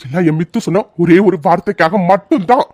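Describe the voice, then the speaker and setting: A man voicing a hot-tempered, fiercely loving young hero in a cartoon, rough-spoken and quick to tears. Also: sits high, a little mellow, a little hiss or hum, lightly acted. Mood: scornful. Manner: fiery, rough-spoken, breaks into sobs. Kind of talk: cartoon voice dubbing.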